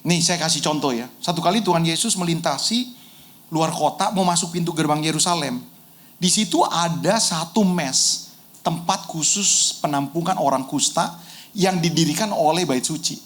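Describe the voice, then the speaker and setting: A middle-aged man preaches to his congregation. His voice sits high for a man, and he tells the story with animated swings, breaking into shouts and easy street slang. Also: moderate pace. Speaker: pastor. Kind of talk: sermon.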